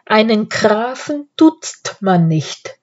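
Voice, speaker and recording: A woman's voice: mid-range voice, sing-song, extremely slow, a little mellow, highs cut off, voice pushed up, heavily acted. A woman voicing a pompous, status-obsessed wife who scolds others in a prim, hissing way. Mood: snobbish.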